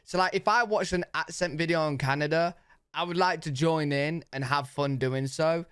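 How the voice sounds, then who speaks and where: A man's voice: on the high side, normal speed, fairly bright tone, clear, resonant tone, dry recording, clean studio sound. A young British man reacting to a video with casual, chatty commentary. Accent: British English. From Britain. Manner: casual, chatty, slangy asides. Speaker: reaction streamer.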